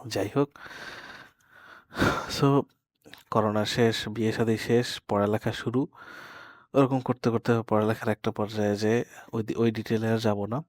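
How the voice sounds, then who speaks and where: A young man, telling a rambling personal story in a casual podcast chat, speaking quietly at night. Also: lowish voice, flat delivery, moderate pace, pauses often, no room sound. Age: young adult. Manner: soft-spoken, rambling with self-corrections. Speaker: podcast co-host. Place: bedroom at night.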